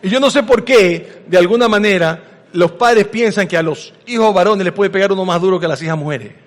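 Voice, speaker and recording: A high-pitched man, preaching a sermon. He swings between loud emphasis and hushed asides and questions the congregation directly. His voice carries a long reverb from a large church hall. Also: fairly quick. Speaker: pastor. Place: church sanctuary.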